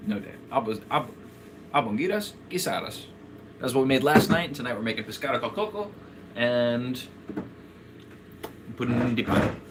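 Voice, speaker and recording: A man's voice: medium pitch, normal speed, long pauses, very noisy. Rambling, jokey male streamer. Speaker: streamer host. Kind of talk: casual chat.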